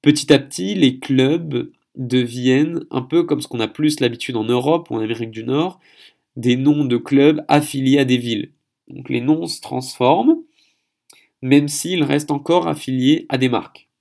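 A man's voice: mid-range voice, moderate pace, gravelly, darkish tone. A man from France hosting a solo podcast, explaining at length and thinking aloud, often correcting himself mid-sentence. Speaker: podcast host.

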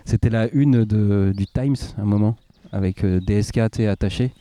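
A man's voice: fairly low pitch, moderate pace, dark tone, no room sound. A man from co-hosting a podcast, chatting casually, self-mocking and laughing, swearing offhandedly. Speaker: podcast co-host. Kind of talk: casual chat.

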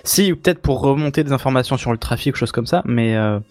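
A man's voice: mid-range voice, expressive, brisk, darkish tone. A man co-hosting a casual tech podcast, giving his view tentatively and thinking aloud with restarts. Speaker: podcast co-host.

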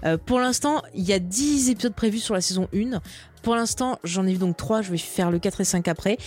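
A woman with a brisk, mid-range voice and a darkish tone co-hosts a casual podcast. Chatty and enthusiastic, she recommends a show.

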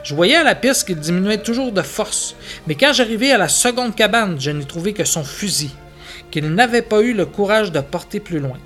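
A man, a podcast host, reading a literary tale aloud in measured narration. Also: high voice, lively intonation, fairly bright tone, faint music behind. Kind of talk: storytelling read-aloud.

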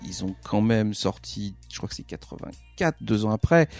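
A man's voice: lowish voice, expressive, normal speed, darkish tone, soft background music. A man co-hosting a podcast about old records, talking casually, well-informed and dryly contradicting his partner. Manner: knowledgeable, dry, contradicts playfully. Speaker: podcast co-host. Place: recorded together in person.

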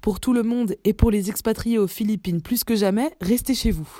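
A woman presenting a segment of short news briefs in a clear scripted delivery. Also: mid-range voice, normal speed, dark tone, dry recording, clean studio sound.

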